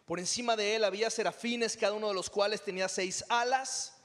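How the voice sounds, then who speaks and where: High-voiced Mexican pastor preaching. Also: male voice, fairly quick, long reverb tail. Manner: animated, humorous storytelling with dramatic retellings. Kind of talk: sermon. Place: church hall.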